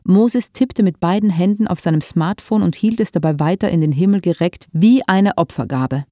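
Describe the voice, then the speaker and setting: Audiobook narrator, steady measured reading, mellow dark tone, dry close recording. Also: medium pitch, no echo.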